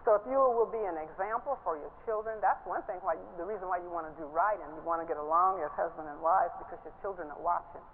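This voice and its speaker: An older woman preaching a sermon from a church stage, lively and laughing as she stresses her points. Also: quick pace, few pauses. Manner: animated, laughing, rising pitch when stressing points. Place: large church stage, indoors. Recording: tinny phone-like broadcast sound with faint hiss.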